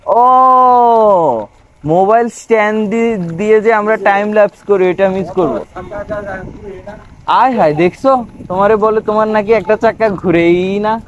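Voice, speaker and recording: A man talking gently and playfully with his young nephew during a bike ride outdoors. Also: sits high, measured pace, long pauses. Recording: dull lo-fi outdoor sound.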